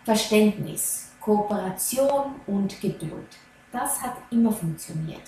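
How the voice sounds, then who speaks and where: A woman coaching on Ayurveda, talking gently and earnestly straight to the listener. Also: medium pitch, animated, slow, a little hiss or hum. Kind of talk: slow advice talk to viewer. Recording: very echoey room, faint ambience.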